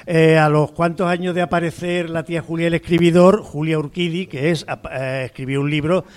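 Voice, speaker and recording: A man's voice: fairly high pitch, steady tone, fairly quick. A man on a radio program, talking loosely about a novel with many fillers and restarts, then reading a page aloud. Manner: hesitant, full of "eh" fillers and restarts, explanatory. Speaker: guest reader on a radio program. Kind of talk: conversational literary talk and reading aloud.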